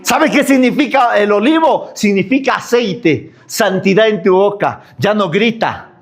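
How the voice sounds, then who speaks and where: A man's voice: high-pitched, animated, unhurried. A man preaching a sermon as pastor, full of rhetorical questions.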